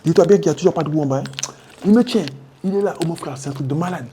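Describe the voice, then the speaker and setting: Racing through his words in a fairly high, warm voice, a French Guianese man recounts his life in an interview. He is slangy and vivid, makes sound effects, and keeps addressing the listener as brother. There is a little hiss or hum on the recording.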